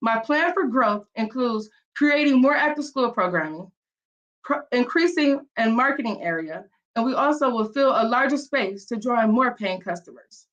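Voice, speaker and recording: A woman from Mississippi with a Southern accent, giving an earnest, rehearsed business pitch over a video call. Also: moderate pace, a bit bright. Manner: earnest, storytelling delivery. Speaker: entrepreneur pitching. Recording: dull lo-fi video call audio.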